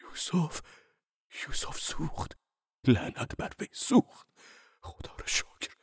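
A fervent fugitive monk in a storybook drama, played by a man, his husky voice leaping from ecstatic cries to fearful whispers. The recording is dry and close. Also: mid-range voice, very animated, no room sound. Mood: whispering, awed. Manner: fervent, swinging between shouts and hushed whispers. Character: frantic fugitive monk, wild-eyed and fervent. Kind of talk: audiobook drama acting.

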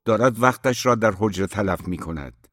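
A man's voice: fairly low pitch, a bit bright, no room sound, studio quality. A man voicing an indignant defensive older brother. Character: proud, defensive older brother guarding the shop keys. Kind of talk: audiobook reading.

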